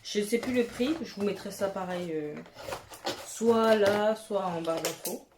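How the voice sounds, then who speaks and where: A woman's voice: medium pitch, a little slow. A woman beauty vlogger chatting casually at home, gushing with exclamations and casual swearing. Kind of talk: casual haul chat. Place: at home, with her cat nearby. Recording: echoey room with faint noise.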